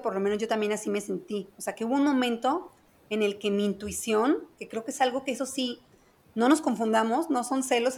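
A woman's voice: on the high side, darkish tone. A woman with a Mexican Spanish accent chatting casually as a podcast co-host, speaking frankly and repeating phrases for emphasis. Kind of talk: casual chat.

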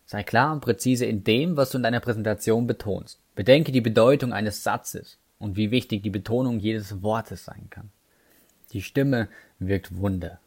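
A man's voice: fairly low pitch, gravelly. A man explaining sales call techniques in an instructional talk, addressing the listener directly with numbered tips and casual asides. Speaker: sales trainer.

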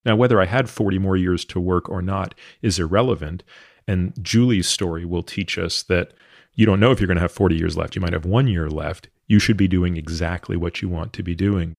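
Male podcast host, 30s, low voice, thoughtful and earnest, dry studio sound. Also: fairly quick, vocal fry, dry recording. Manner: thoughtful, earnest, explains at length. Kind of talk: long-form interview conversation.

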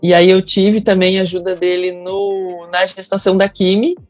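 A woman's voice: medium pitch, flat delivery, normal speed, darkish tone. Young woman, Brazilian accent, casual storytelling, emotional, faint music behind. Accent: Brazilian Portuguese. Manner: emotional, acts out quoted people in raised voices. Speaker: mother sharing her birth story.

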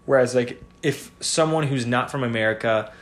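A man's voice: mid-range voice, moderate pace. A man in his twenties co-hosting a podcast, rambling and swearing in casual chat with lots of fillers. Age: 20s. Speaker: podcast co-host.

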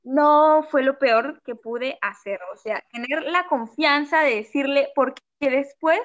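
A woman, a guest telling a story in a casual, animated way and acting out what people said. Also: high voice, a little slow, muffled recording. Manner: animated, laughs often, acts out quotes. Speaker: interview guest.

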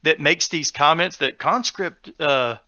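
A man co-hosting a podcast in casual chat, rambling with many restarts and getting animated as he explains. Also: on the high side, unhurried, dry recording, lo-fi sound. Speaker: podcast co-host.

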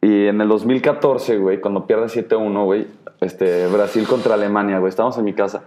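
A man's voice: lowish voice, a little fast. A young man with a Mexican Spanish accent hosting a podcast, chatting casually and telling stories in slangy, profane speech full of fillers. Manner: slangy and profane, animated storytelling with many fillers. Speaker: podcast host. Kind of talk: casual chat.

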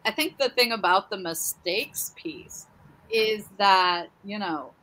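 A woman's voice: mid-range voice, slow, bright, forceful tone. A woman on a video call whose audio is muffled and breaking up, as if she were speaking from a tunnel, chatting casually and talking over others.

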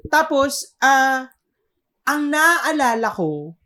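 A man's voice: very high-pitched, big pitch swings, drawn-out words, sharp tone. A man co-hosting a casual podcast, telling long rambling stories and mixing English words into his Tagalog. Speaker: podcast co-host.

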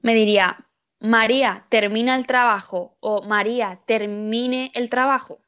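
Woman student, high voice, reads example phrases aloud, dull lo-fi sound, a bit distant. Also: fairly even intonation, measured pace, fairly bright tone. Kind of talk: answering lesson questions.

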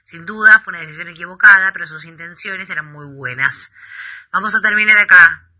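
A woman's voice: mid-range voice, fairly quick, pushed and bright. A woman voicing a curt, controlling male manager who answers the press in a formal, clipped and evasive way. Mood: guarded, formal.

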